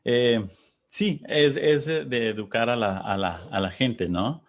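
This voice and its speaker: A man interpreting an interview aloud, halting and searching for words as he goes. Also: mid-range voice.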